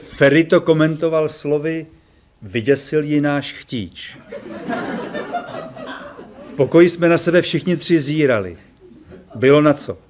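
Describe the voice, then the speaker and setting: A man reading his own adventure story aloud to a live audience, with lively dramatic emphasis. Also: a little high.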